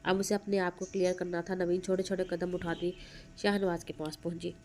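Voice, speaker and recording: A woman narrating an audio novel in a steady, scripted storytelling read. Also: lowish voice, brisk, a little hiss or hum.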